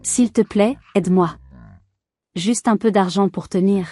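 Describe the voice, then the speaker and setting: A woman voicing a weak, raspy old mother-in-law. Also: medium pitch, measured pace, warm tone, dry recording, clean studio sound, close to an everyday voice. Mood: pleading. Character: desperate older mother-in-law, pleading and sobbing.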